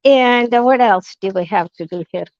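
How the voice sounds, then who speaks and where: A woman giving a talk as a guest speaker, telling a story in a halting way, with many restarts and fillers, and acting out the quoted lines. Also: fairly high pitch, darkish tone, dry recording, highs cut off. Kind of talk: storytelling lecture.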